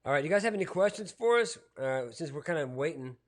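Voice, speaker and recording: A fast-talking man in his forties with a fairly high voice co-hosts a laid-back cooking livestream from his kitchen at home. He chats easily and reads out comments from viewers.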